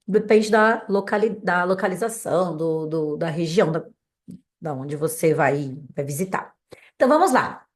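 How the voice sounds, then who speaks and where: A Brazilian woman leads a recorded English lesson in a casual, direct way. Her voice sits at a middle pitch, and she says each word slowly and clearly for her students to repeat. She keeps checking in with them as she goes. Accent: Brazilian Portuguese. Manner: drills words slowly and clearly, with frequent "tá?" checks. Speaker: English teacher.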